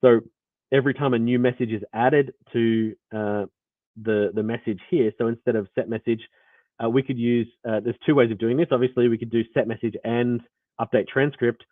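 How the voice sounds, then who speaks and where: A developer with an Australian accent rambles through a live code walkthrough, full of fillers and restarts. His voice is medium-pitched and fairly even, at a moderate pace with no echo. The audio sounds tinny, like a phone line.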